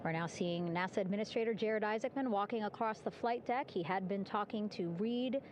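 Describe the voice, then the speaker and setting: A woman's voice: medium pitch, brisk, background noise. A woman giving live, chatty commentary on an event as it unfolds. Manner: upbeat, chatty, warm-hearted narration with light laughs. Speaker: broadcast commentator.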